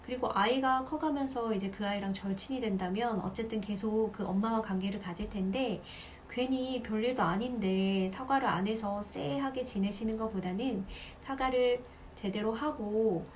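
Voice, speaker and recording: A woman in her thirties, a parenting vlogger, talking casually and lively to camera. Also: fairly high pitch, normal speed, hardly any pauses, slight background noise. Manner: chatty, lively, acts out quoted voices.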